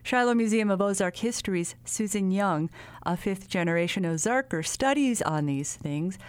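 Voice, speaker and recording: A woman reads scripted narration as a radio reporter. Her voice sits at a medium pitch, and the recording is close and dry, with very little room sound. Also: animated, moderate pace, smooth, no room sound.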